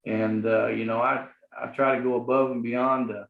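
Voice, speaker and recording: A man's voice: medium pitch, level tone, normal speed, creaky. A middle-aged man with a Southern US accent, talking earnestly as an interview guest, rambling with lots of fillers. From Arkansas, US. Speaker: guest, property manager. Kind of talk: casual interview talk. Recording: echoey, phone-like sound.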